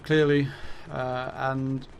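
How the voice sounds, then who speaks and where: Speaking in a mid-range, creaky voice with flat delivery and drawn-out words, this man chats casually as a gaming YouTuber, with a faint hiss or hum behind him. His commentary monologue rambles and self-corrects, and he swears before laughing it off. He's losing his voice, which sounds tired and fading.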